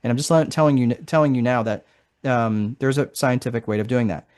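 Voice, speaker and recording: A man's voice: mid-range voice, brisk, darkish tone, clean tone. Chatty man hosting a live course session. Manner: casual, chatty, keeps adding "right?". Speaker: marketing strategist presenting a course. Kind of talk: live online information session.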